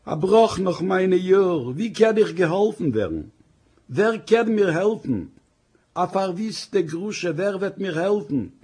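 A husky-voiced man voicing a grieving, tearful young wife who pleads in a slow, drawn-out lament. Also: medium pitch, sing-song, a little mellow.

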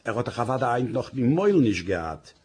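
A man doing a fussy croaking neighbor woman. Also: medium pitch, sing-song, darkish tone. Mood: flustered. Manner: flustered, fast, stumbling chatter.

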